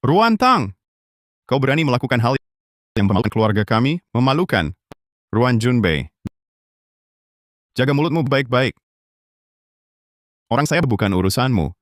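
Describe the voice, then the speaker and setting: A stern, formal young heir, as a man dubs him for a short drama. He talks in a stiff, cold way in a middle pitch. The recording is dry and close, with no room sound. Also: lively intonation, moderate pace, long pauses, dry recording, natural voice. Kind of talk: dubbed short-drama acting.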